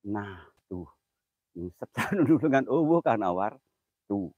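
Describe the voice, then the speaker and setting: A man's voice: lowish voice, sing-song, slow, no echo, muffled recording. A young man, hosting a comedy ghost-hunting livestream by an old well, joking, laughing and greeting viewers on his phone. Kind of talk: casual joking livestream chat. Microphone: phone camera.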